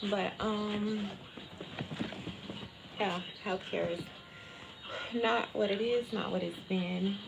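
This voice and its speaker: Gravelly woman livestreaming from a beeping hospital room. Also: medium pitch, steady tone, takes it slowly, pauses often. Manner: conversational and candid, with casual slang. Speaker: livestream host. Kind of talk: casual livestream chat. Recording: clear beeping alarm noise, hospital room. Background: beeping medical pump alarm.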